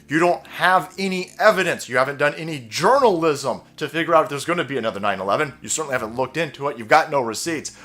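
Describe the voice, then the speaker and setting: A man hosting political commentary, ranting crudely and mocking the people he talks about. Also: a bit bright. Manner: crude, mocking, swings into high sarcastic voices.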